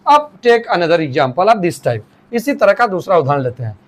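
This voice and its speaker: Lively man teaching, slowly spelling out words. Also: high voice. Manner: repeats and restarts, slowly spells out words and dictates English sentences. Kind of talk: classroom grammar lesson.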